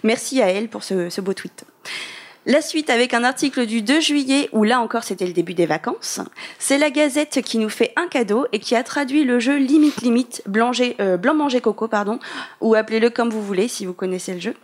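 A young woman hosting a casual podcast, reading news items in a chatty way with quick asides and giggles. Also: fairly high pitch, lively intonation. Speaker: podcast host.

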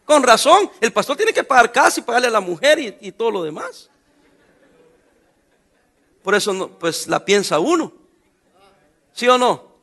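A middle-aged man preaching a sermon, his voice high for a man, bright and gravelly. He jokes, turns sarcastic and talks in everyday slang to the congregation. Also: big pitch swings, normal speed, pauses often. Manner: sarcastic, joking, colloquial preaching. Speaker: pastor.

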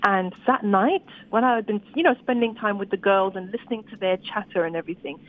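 In this interview conversation, the guest is a woman novelist raised in Zimbabwe who speaks fast in a mid-range voice. She discusses her books with animation, frequently starting sentences over, and the recording is dry and phone-like.

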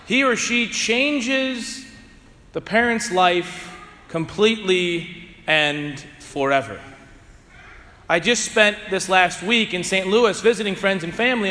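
Male priest, bright voice, slow and solemn liturgical delivery, ringing in cathedral echo. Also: high voice. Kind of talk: chanted liturgy, Gospel reading and homily. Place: large reverberant church. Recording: cathedral echo, long church reverb.

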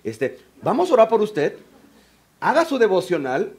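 A man voicing a preachy church counselor who brushes people off with quick prayers. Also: high voice, wildly swooping pitch. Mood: dismissive.

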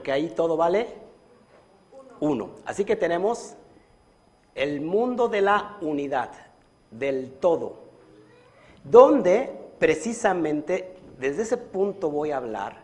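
A man's voice: on the high side, a little mellow. A man leading a livestreamed religious study lesson as a Kabbalah teacher, earnestly asking his audience questions and stretching out key words. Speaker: Kabbalah teacher and community leader.

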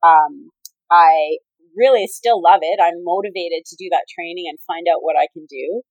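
A woman's voice: fairly low pitch, normal speed, no echo, low-quality recording. A woman in her forties, a professional athlete and coach, talking casually in an interview, rambling with many fillers and restarts. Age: 40s.

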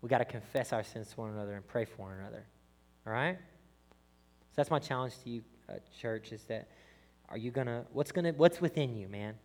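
A man preaching a sermon with an altar call, swinging between loud impassioned urging and hushed, pleading appeals. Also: medium pitch, a little fast, big-room sound. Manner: impassioned, builds to shouts then drops to hushed pleading. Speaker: youth pastor.

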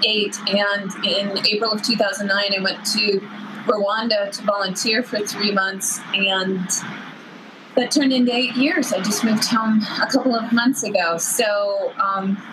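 Woman in her 50s chatting thru stories, mid pitch, pretty noisy background. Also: fairly even intonation, unhurried. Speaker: guest, cycling team staff. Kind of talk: conversational personal storytelling.

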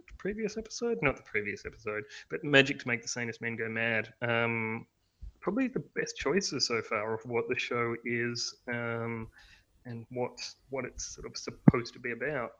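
A man's voice: medium pitch, normal speed, fairly bright tone, dull audio. A man co-hosting a casual review podcast, hedging and restarting often with lots of fillers. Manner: hesitant, many fillers and restarts, self-deprecating. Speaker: podcast co-host.

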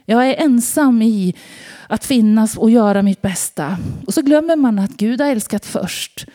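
With a warm tone and a voice a little on the high side, a woman from Sweden preaches an informal sermon. She speaks conversationally, mixing personal stories with questions for the congregation.

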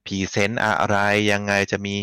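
A man's voice: normal speed, sharp tone, dry recording, clean studio sound. A man co-hosting a podcast, chatting casually and rambling through his opinions. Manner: rambling, opinionated, laughs often. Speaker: podcast co-host. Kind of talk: casual chat.

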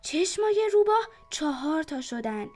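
High-voiced woman telling a children's tale. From Iran. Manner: lively, expressive storytelling. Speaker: storyteller. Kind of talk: scripted children's story narration. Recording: narration with soft background music.

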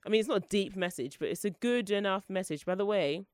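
Flu-congested but lively in intonation, a young woman talks fast on her one-person podcast in a mid-range, slightly mellow voice. She rambles, teases and makes fun of herself. The audio is dry and of studio quality.

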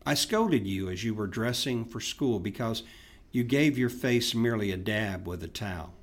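A man reading a heartfelt letter aloud as a podcast host, tender and remorseful, his voice dropping soft on key words. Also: lowish voice, lively intonation, normal speed. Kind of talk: dramatic reading of a classic letter.

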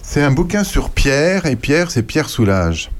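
A man's voice: a little high, very animated. Enthusiastic male radio co-host. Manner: enthusiastic, halting with fillers. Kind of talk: casual radio chat, reading aloud.

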